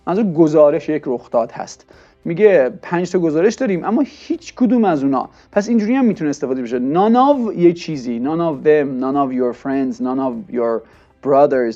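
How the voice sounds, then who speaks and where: A man teaches English vocabulary, moving between quick explanation and slow, careful reading of example sentences. His voice sits fairly high but sounds mellow and dark. The recording is dull and lo-fi, with faint music behind him. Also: creaky. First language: Persian. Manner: explains in Persian, reads English examples slowly and deliberately. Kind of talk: vocabulary lesson.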